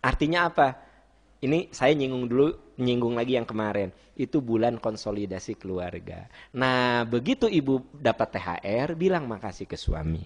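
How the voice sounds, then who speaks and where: A middle-aged man preaching with a Sundanese accent, teasing his listeners and acting out little family scenes, then dropping to a soft gentle tone for advice. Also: medium pitch, expressive, moderate pace. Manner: playful, teasing, acts out wife and husband in quoted voices. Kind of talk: lively sermon to a congregation.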